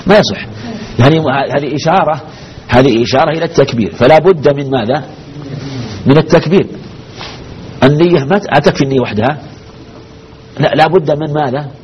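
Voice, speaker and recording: A man's voice: fairly high pitch, a little fast, pauses often, darkish tone. A man teaching a religious law lesson as a sheikh, asking his class questions and repeating the key phrases. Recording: dull lo-fi recording with faint noise.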